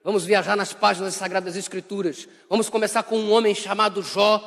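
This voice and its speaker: A young man preaching a sermon as a pastor, emphatic and dramatic, rising into shouts. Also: high voice, flat delivery, a little fast. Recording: long hall reverb.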